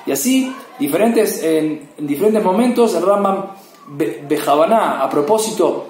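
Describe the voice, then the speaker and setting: Halting man telling a Torah story. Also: high voice, lively intonation, darkish tone, echoey room. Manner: halting, with many restarts and fillers. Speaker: Torah teacher. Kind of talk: storytelling lesson.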